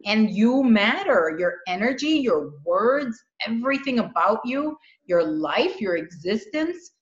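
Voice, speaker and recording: A woman's voice: medium pitch, sing-song, a little slow. A middle-aged woman talking earnestly and animatedly in a casual spiritual chat, often repeating her words. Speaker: spiritual podcast co-host. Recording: echoey room, dull lo-fi sound.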